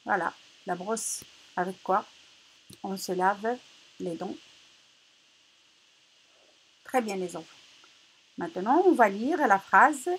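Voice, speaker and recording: A female teacher leading a reading lesson for children, slowly repeating words and stressing each syllable loudly. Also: mid-range voice, breathy edge, poor audio.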